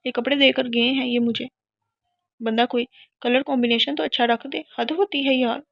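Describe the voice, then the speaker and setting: A woman's voice: a little high, steady tone, no echo, close to an everyday voice. A woman playing a defiant young woman, sarcastic. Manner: indignant, sarcastic. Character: defiant young woman, captive, sharp-tongued. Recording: dull lo-fi sound.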